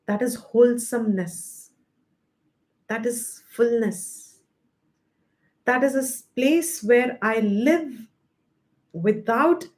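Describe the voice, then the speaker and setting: Indian woman teaching scripture, slightly high voice. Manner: explanatory, slows to stress key terms; mixes Hindi phrases into English. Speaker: Vedanta teacher. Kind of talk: scripture study class.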